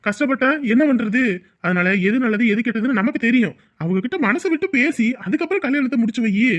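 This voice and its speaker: A calm village elder giving family advice, played by an actor, patient and checking that he is understood. His voice is high for a man, and the recording sounds dull and lo-fi. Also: fast. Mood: advising. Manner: patient, advising, checks for agreement. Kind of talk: village family drama acting.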